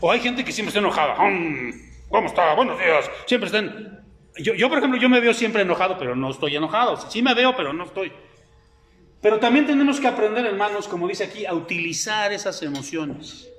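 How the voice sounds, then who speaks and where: Higher-voiced preacher in an echoey room. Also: male voice, lively intonation, quick pace, fairly bright tone, slight background noise. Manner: conversational, many fillers and rhetorical questions. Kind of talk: sermon with slides.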